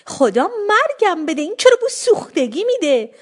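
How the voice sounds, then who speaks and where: A woman voicing a bossy, flustered middle-aged mother who scolds and gives orders in a shrill, commanding voice. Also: very animated. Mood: alarmed.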